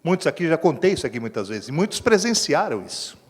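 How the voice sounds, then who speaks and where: A man with a Brazilian accent preaching a sermon as pastor, telling a story in an animated way and acting out what people said. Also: fairly high pitch, fast talker. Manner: animated storytelling preacher, acts out quoted speech. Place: church hall. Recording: echoey church hall with long reverb.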